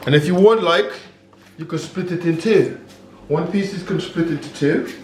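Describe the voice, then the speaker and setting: A man's voice: on the high side, normal speed, a little hiss or hum. Jamaican man chatting through a cooking demo. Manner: chatty and relaxed, with Jamaican patois phrases. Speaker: home cook and vlog host. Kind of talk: casual cooking demonstration. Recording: echoey kitchen with background music.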